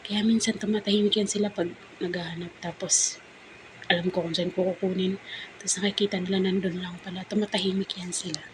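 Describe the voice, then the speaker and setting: A woman's voice: on the low side, little pitch movement, brisk, background noise. A woman from the Philippines, a live-in domestic helper, chatting casually at home and often laughing as she acts out what others said. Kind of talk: casual storytelling vlog. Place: employer's house, indoors.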